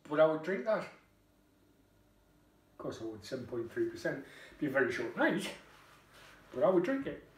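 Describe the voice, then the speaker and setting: A talkative Geordie man in his fifties, a beer vlogger, gives a casual beer review at his kitchen table, wry and swearing casually. His slightly high, sing-song voice moves at a moderate pace with frequent pauses. Captured by a camera across the room, he sounds distant and echoey.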